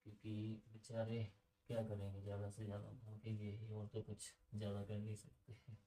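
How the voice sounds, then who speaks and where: A man's voice: fairly low pitch, completely flat delivery, brisk, dark tone, roomy sound, distant mic, rough recording. A man teaching a computer lesson in a casual, chatty way, asking his students questions and drifting into side stories.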